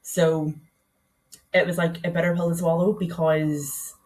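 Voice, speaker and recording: Telling her story as a podcast guest, a young woman from Ireland speaks in a Donegal accent, chatty and peppering her speech with "like". Her voice is lowish and darkish, flat and a little slow, and the recording is low quality.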